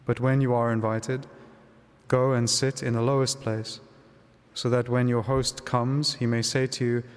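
A man, a priest, reading the gospel and preaching at Mass in a calm, measured way, his voice carrying the long echo of a large church. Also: medium pitch, clean tone. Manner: calm and measured, with some restarts in the homily.

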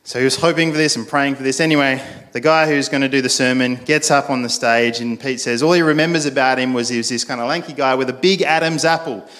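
A man preaches in a loose, conversational way. He tells stories with plenty of fillers and restarts, and his voice sits at a middle pitch. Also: fast talker, hardly any pauses, a bit bright. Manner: casual storytelling, frequent fillers and restarts. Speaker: pastor. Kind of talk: sermon.

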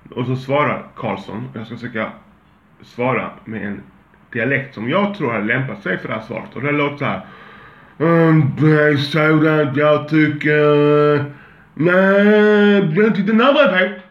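A man's voice: medium pitch, a bit bright. A man hosting his own show, ranting casually in a heated, profane, restless way. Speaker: host. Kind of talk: casual opinion rant. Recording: roomy, dull, faint background hum.

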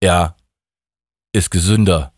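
A man's voice: deep voice, slow, a little mellow, no room sound. Guy doing a chill slangy god in a storybook reading, kinda flustered and mumbly, dry sound. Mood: sloppy casual. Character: laid-back slangy male God, sloppy and careless.

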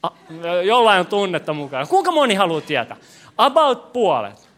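A man's voice: high-pitched, huge pitch swings, a bit bright. A young man preaching a sermon to a congregation, joking, asking questions and stumbling over his words. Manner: joking, self-deprecating, stammers and restarts. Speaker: pastor. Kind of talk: lively sermon with audience questions. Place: church hall with congregation.

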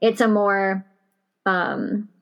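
A woman hosts a podcast in a relaxed conversational style. Her voice sits at a medium pitch. She talks informally and loosely, hedging her thoughts as she goes. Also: drawn-out words, smooth, muffled recording. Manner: informal, hedging with "like" and "you know". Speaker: podcast host. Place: recorded in a shed.

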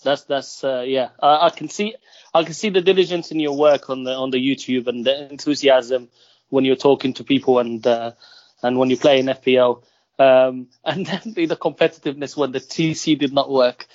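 A man's voice: mid-range voice, fairly even intonation, fairly quick, darkish tone, no echo. A man co-hosting a podcast, teasing the guest and rambling through his questions with restarts. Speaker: podcast co-host. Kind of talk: casual podcast interviewing. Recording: dry dull lo-fi podcast audio.

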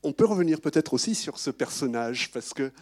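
A man's voice: fairly high pitch, expressive, a little fast, a little mellow. A man interviewing a filmmaker, asking long questions with hesitant, repeated words.

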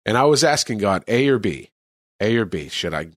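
A man's voice: on the low side, very animated, normal speed, dry recording, clean studio sound. A man from California, a missionary, talking earnestly about faith in an interview. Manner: earnest, preacherly.

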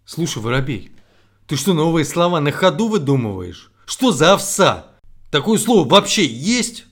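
A man's voice: fairly high pitch, very animated, moderate pace, vocal fry, full character voice. A man voicing a stern, self-important old female owl in a children's story, scolding sharply.

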